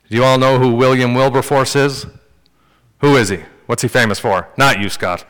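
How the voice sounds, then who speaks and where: A man's voice: lowish voice, a bit bright, clean tone. Conversational male pastor in a reverberant hall. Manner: conversational, joking with the congregation. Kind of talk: sermon.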